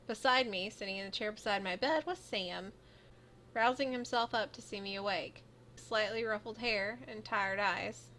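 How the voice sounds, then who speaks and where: A young adult woman streamer reading a visual novel aloud, expressive as she voices the heroine and reacts. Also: medium pitch, moderate pace, slight background noise.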